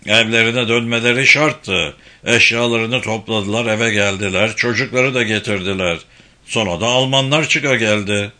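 A man's voice: lowish voice, normal speed, sharp tone. A man voicing an angry male rescue worker in an audiobook, talking in a bitter, resentful way.

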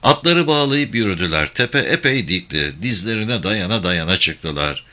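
A man reading a war story aloud in a measured, steady way. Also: fairly low pitch. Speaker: narrator.

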